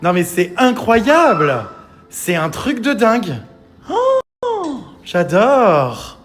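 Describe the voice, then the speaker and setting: An exuberant man hosting a vlog, with a high voice that swings widely in pitch. He fills his excited commentary with theatrical exclamations as he walks through indoor museum rooms. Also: extremely slow. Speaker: vlog host.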